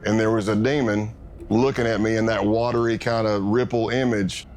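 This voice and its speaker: Low-voiced man telling war stories. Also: steady tone, moderate pace, darkish tone. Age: middle-aged. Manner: vivid storytelling, acts out what others said. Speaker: former undercover agent interviewee. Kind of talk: documentary interview storytelling.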